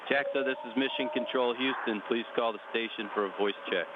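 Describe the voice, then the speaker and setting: A man calling from mission control over a space radio transmission in a steady, formal radio-call manner. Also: mid-range voice, fairly quick, very noisy. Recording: narrow phone-like radio line with music behind.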